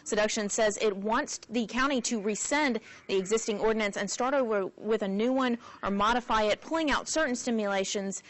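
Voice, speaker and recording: A woman's voice: a little high, a little fast, hardly any pauses, fairly bright tone, low-quality recording. A woman reading a scripted live news report from a newsroom.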